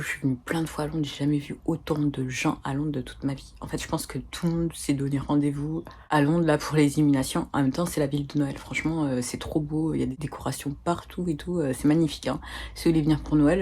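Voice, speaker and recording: A woman's voice: low-pitched, a little mellow, slightly rough. A woman with a French accent, telling a rambling, chatty story as a travel vlogger talking to her viewers. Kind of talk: casual chat to camera.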